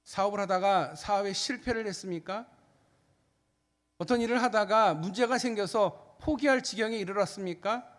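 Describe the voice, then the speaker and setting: A man's voice: high voice, normal speed, fairly bright tone. A male pastor preaching an impassioned sermon in a church sanctuary, now and then speaking God's words as quotes. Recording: long reverb of a church hall.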